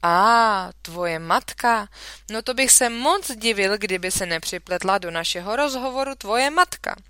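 A woman's voice: medium pitch, lively intonation, sharp tone, clean tone, no echo, voice pushed up. A woman reading a children's story aloud, voicing an exasperated, blustering father. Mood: sarcastic.

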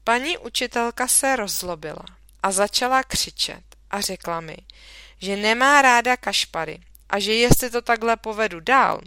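A woman reading a children's story aloud in a lively, expressive narration. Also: medium pitch, clear, resonant tone, no echo. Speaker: audiobook reader.

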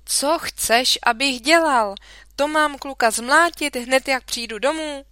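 A woman's voice: sits high, pushed and bright, no echo, voice pushed up. A woman reading a children's story aloud, voicing an exasperated, blustering father.

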